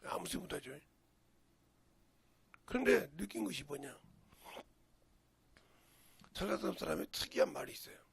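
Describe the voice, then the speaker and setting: A man's voice: sits high, sing-song, normal speed, vocal fry, pauses often, husky. An older man with a Jeolla Korean accent, a pastor preaching a folksy, storytelling sermon with sudden emphatic rises. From Jeolla region, Korea.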